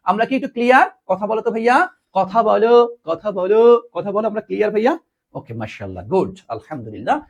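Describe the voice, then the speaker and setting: A man's voice: high-pitched, breathy edge. A man teaching a live online class, repeating words and quizzing students. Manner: animated, repeats words, asks students questions.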